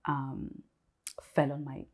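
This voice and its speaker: Brief: woman, 30s, podcast guest; deep and creaky, reflective, candid testimony. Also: flat delivery, takes it slowly. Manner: earnest, reflective, laughs lightly between thoughts. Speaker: guest sharing her testimony. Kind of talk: candid personal storytelling.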